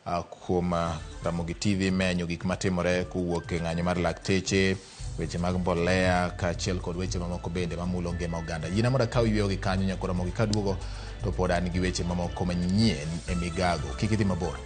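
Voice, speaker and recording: A man presents the news in a deep voice. He moves quickly with little rise and fall, over faint music. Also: steady tone.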